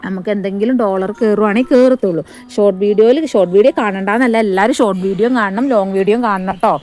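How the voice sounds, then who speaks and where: Malayali woman vlogging while she cooks, talks super fast, mellow voice, phone on a stand in the kitchen. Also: mid-range voice. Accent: Malayali, Kerala. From India. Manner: chatty, homely, often tags "kettō". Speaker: family vlogger. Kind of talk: casual cooking vlog narration. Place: home kitchen. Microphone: phone front camera on a stand, some distance away.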